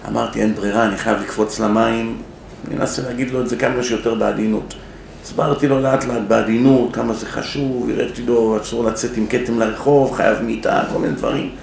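Gravelly-voiced rabbi in an echoey hall. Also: male voice, medium pitch, steady tone, darkish tone. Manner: storytelling with acted-out quotes, asks the audience questions. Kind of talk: sermon. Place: yeshiva hall. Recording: echoey room with faint noise.

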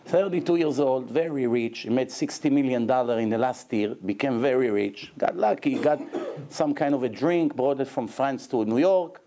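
Joking rabbi with a mellow voice. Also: male voice, medium pitch, normal speed, slight background noise. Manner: joking, chuckling, mixing Hebrew and Yiddish words. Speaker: rabbi giving a lecture. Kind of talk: informal Torah lecture with anecdotes.

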